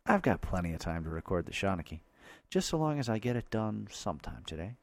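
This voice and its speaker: A man putting on a pirate voice, telling a mocking tale in a drawn-out, theatrical manner. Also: deep voice, big pitch swings, gravelly, heavily acted. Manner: theatrical, drawn-out sea-dog delivery. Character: salty old male pirate storyteller, scornful.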